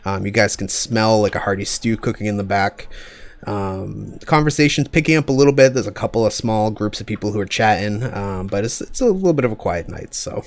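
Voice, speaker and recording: A man with a fairly low voice acts as game master. He narrates a tabletop game off the cuff, casual and laid-back, with a joking streak. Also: a little fast.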